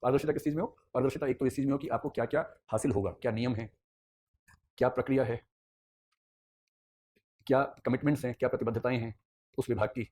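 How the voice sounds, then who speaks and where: Fast-talking husky male lecturer. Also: medium pitch. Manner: storytelling, animated, playful asides. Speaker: ethics teacher. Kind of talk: classroom lecture.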